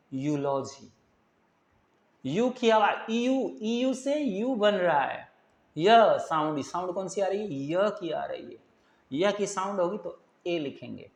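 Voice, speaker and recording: A male teacher with a Hindi accent walks through grammar slowly and deliberately. He keeps asking the viewer questions and repeating them. His voice has a roomy echo. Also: high-pitched. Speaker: English teacher. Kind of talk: classroom grammar lesson.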